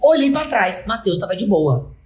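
A woman's voice: mid-range voice, big pitch swings, moderate pace, darkish tone. A woman on a podcast, telling a story in a casual, dramatic way and acting out the people in it. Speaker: podcast co-host. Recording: roomy echo.

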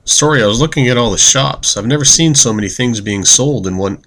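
A man voicing a polite, curious young traveler in an audiobook, speaking gently and courteously. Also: medium pitch, fairly quick, pitched above the performer's own voice, close to an everyday voice. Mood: apologetic. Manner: polite and apologetic.

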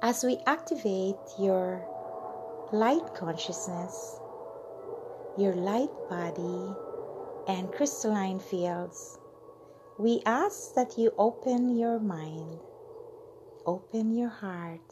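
A woman leading a channeled guided meditation, soothing and drawn out, with lines that fade into breathy whispers. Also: medium pitch, drawn-out words, long pauses, background noise.

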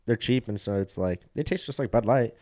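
A man's voice: on the low side, brisk, a little mellow. A man in his twenties, a comedian, chatting loosely, laughing often and swearing. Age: 20s. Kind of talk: casual chat.

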